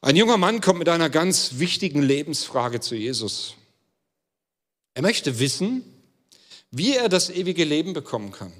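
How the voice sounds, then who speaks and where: A man's voice: on the high side, sing-song, moderate pace, fairly bright tone. A man preaching a sermon as pastor, speaking earnestly and emphatically straight to his listeners. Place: church hall. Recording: long church-hall reverb.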